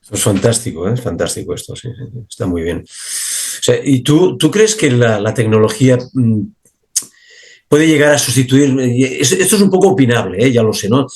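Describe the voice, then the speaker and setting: A man's voice: mid-range voice, lively intonation, moderate pace, a little mellow. A man hosting an interview, asking questions hesitantly, repeating words and agreeing often. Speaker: host.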